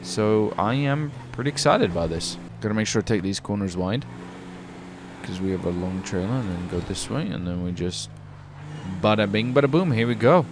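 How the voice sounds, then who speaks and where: A man's voice: fairly low pitch, animated, normal speed, background noise. A young man from the UK chatting casually while roleplaying in a driving game, rambling and saying "dude" a lot. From United Kingdom. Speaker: roleplay streamer.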